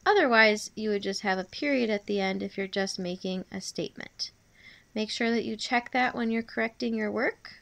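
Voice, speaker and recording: A woman teacher giving a spelling review, reading out each sound, word and sentence slowly and clearly and then repeating it. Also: mid-range voice, fairly bright tone. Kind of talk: spelling dictation lesson.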